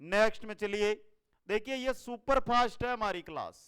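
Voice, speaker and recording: An online exam-prep teacher with a Rajasthani Hindi accent runs a fast, quiz-style lesson, energetically repeating every answer for his viewers. His voice is high and smooth.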